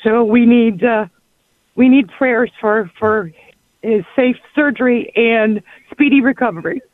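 A woman calling into a radio show over the phone, asking hesitantly for prayer with many pauses and fillers. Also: a little high. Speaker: caller. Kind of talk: call-in prayer request. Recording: tinny phone line.

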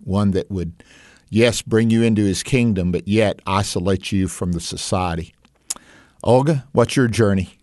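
A man acting as interviewer, asking his guests questions gently and thoughtfully. His voice is fairly low, and the sound is dry and close. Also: a little slow, no room sound.

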